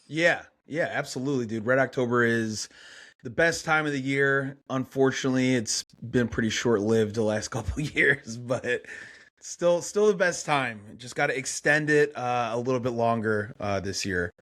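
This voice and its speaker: A man's voice: medium pitch, moderate pace, a bit bright. A young man from Chicago, a guest on a casual podcast interview, talking in a laid-back, rambling way with lots of fillers.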